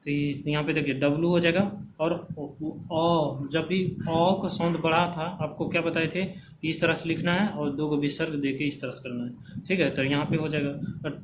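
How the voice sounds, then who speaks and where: A man teaching English phonetic transcription, repeating words slowly as drills and checking in often. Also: a little high, little pitch movement, rough recording. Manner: checks in often with "theek hai". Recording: background noise.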